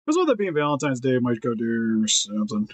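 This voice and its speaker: A man's voice: medium pitch, quick pace, no room sound. Casual man chatting while customizing figures. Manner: relaxed, thinking aloud while sculpting. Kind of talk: casual work-along chat.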